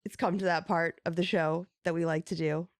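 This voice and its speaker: A woman's voice: fairly low pitch, fairly even intonation, a little fast, dry recording. Woman, forties, podcast co-host, storyteller who acts out dialogue, dry studio sound. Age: 40s. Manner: chatty storyteller acting out dialogue. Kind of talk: casual chat.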